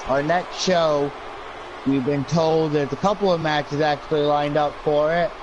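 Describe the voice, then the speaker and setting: A man's voice: on the high side, steady tone, a little slow, muffled recording, crowd noise, background noise. A man commentating on video game wrestling matches in a brash, boastful, joking manner. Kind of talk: play-by-play commentary in character.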